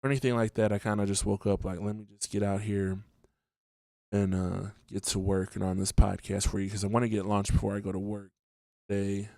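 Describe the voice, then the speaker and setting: This podcast host talks solo from home right after waking, loose and casual, full of ums and restarts, his nose slightly blocked by allergies. He speaks briskly in a fairly low, gravelly, dark voice with little pitch movement, recorded clean with no echo, like a studio.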